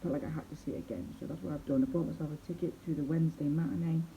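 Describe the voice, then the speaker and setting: A woman's voice: low voice, fairly even intonation, racing, dark tone, a little hiss or hum, low-quality recording. A young woman chatting to camera as a theatre vlogger, enthusiastic and full of fillers and restarts. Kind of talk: casual vlog chat to camera.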